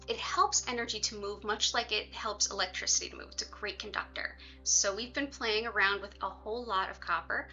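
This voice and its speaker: A woman with a bright, forward voice chats casually to livestream viewers, dropping in little asides as she goes. The sound is slightly muffled and lo-fi, with music playing behind her. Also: mid-range voice. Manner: conversational, chatty asides to viewers. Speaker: livestream host and reiki practitioner.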